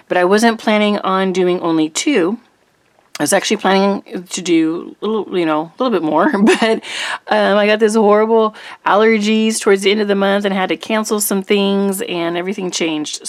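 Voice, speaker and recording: A middle-aged woman who hosts a crafting channel chats casually to the camera, rambling with small laughs and ums. Her mid-range voice is slightly rough from allergies, steady in tone, at a normal speed with no echo.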